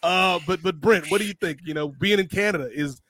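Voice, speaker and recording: A man's voice: high voice, brisk, a bit bright. A man hosting a podcast in casual chat, rambling and joking as he passes questions to guests. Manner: rambling, joking, laughs at his own jokes. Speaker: podcast host.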